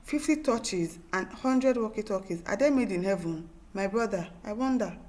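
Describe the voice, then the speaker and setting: This talk show host reads out viewer comments on her opinionated news show. Her mid-range, darkish voice is expressive and moves at normal speed, and her Nigerian accent carries emphatic, exasperated delivery full of repetition and rhetorical questions.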